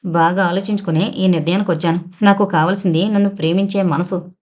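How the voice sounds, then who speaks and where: A woman's voice: fairly low pitch, fairly even intonation, brisk, darkish tone, lightly acted. A woman voicing an impulsive young man who insists on a straight answer, in an audio novel. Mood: insistent.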